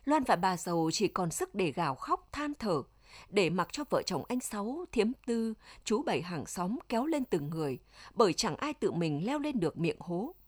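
A woman narrating an audiobook in a steady, measured way. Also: mid-range voice.

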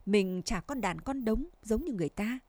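A patient rural husband comforts his wife in low, soothing tones, as a woman reading the story puts him on. His voice sits in the woman's own middle range and sounds dry and close. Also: animated, moderate pace, a little mellow, no room sound, natural voice. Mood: consoling. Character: rural husband, middle-aged, gentle and consoling.

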